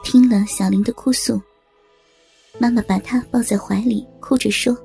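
A woman's voice: a little high, steady tone, normal speed, vocal fry, warm tone, faint music behind. A woman reading a dramatic family story aloud as a storyteller. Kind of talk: scripted story narration.

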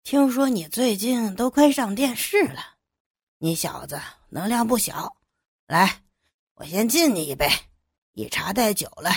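A woman's voice: medium pitch, animated, unhurried, vocal fry, slightly rough, dry recording, studio quality, full character voice. A woman voicing an older male bureau chief in an audiobook, sly and domineering, turning cold and menacing. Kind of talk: audiobook character voice.

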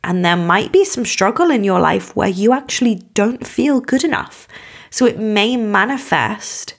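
A woman podcast host with a croaky voice, speaking directly to the listener in an earnest, emphatic and reassuring spiritual teaching monologue. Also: medium pitch, animated, measured pace.

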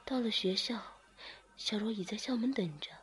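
A woman reading a first-person story in a hushed whisper, slow and airy. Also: medium pitch, slight background noise. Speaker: narrator.

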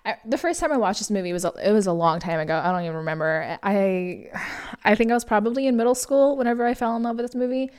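This American podcast co-host talks fast in a smooth, slightly mellow mid-range voice, even as she's losing it. She rambles through a casual movie review full of fillers, laughing often.

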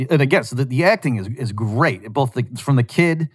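A man of middling pitch tells a story casually to his audience, rambling and circling back on himself. His voice is close and dry, with no room sound. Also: normal speed, slightly rough, no room sound. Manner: rambling, animated, frequent restarts.

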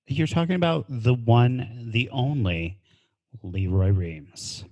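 A man's voice: medium pitch, slow pace, darkish tone, dull audio. A man co-hosting in a casual, chatty style. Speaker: co-host. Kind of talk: casual chat.

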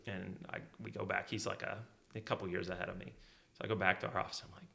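A middle-aged man from Kansas talks in a loose, easygoing way, often poking fun at his younger self. His voice sits low and gravelly, with a bright, forceful edge. The talk sounds like a relaxed conversation between two friends. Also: fast talker. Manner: self-deprecating, laughs at his own stories. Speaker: guest, chief legal officer. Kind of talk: casual conversational storytelling.

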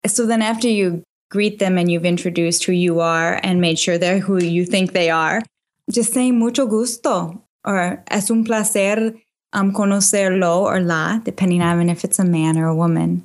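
A woman physician answering interview questions in a relaxed way, slowly spelling out phrases and laughing often. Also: medium pitch. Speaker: physician guest.

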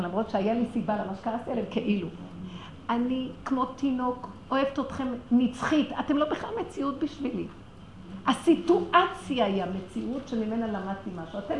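A woman telling a personal religious story with passion, her voice rising to near-shouting when she is stirred. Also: on the high side. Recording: roomy echo with faint ambient noise.

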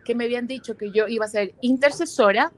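A young woman speaks as an interview guest, recounting her testimony. Her voice sits a little high, and she brings her story to life by acting out the lines she recalls. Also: fast talker, low-quality recording. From Ecuador. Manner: lively storyteller who acts out quoted dialogue. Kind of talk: telling a personal testimony in conversation.

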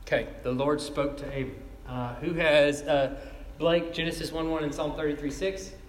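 A man's voice: fairly high pitch, steady tone, moderate pace, a little hiss or hum. A man teaching a Bible class, chatty and laughing often as he calls on students by name. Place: large room with a class. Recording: echoey hall with long reverb.

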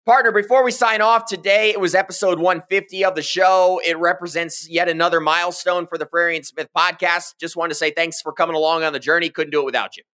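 A man co-hosting a college football podcast, steering segments and tossing in quick jokes. His voice sits a bit high and sounds bright and forward. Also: steady tone. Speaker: podcast co-host. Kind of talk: sports podcast chat.

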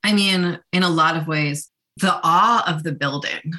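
A woman's voice: sits low, unhurried, pushed and bright. A woman state representative talking earnestly and casually on a radio show, with lots of fillers, from a remote call. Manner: earnest, chatty, many "like" fillers.

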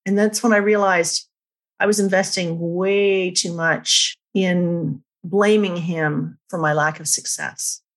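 A woman's voice: lowish voice, fairly even intonation, slow. A middle-aged woman, a numerologist, telling personal stories candidly and emphatically in a podcast interview. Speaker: numerologist guest.

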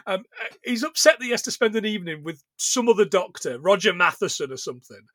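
A man's voice: sits high, fast, dry recording, clean studio sound. A man co-hosting a casual chat, recapping a film with lots of laughter and swearing. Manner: animated, sweary, laughs a lot. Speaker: podcast co-host recapping a film.

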